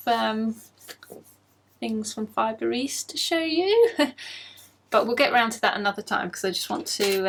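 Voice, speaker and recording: A woman hosting a casual video podcast, chatty and bubbly, gushing over things she shows to the camera at home. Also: mid-range voice. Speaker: podcast host.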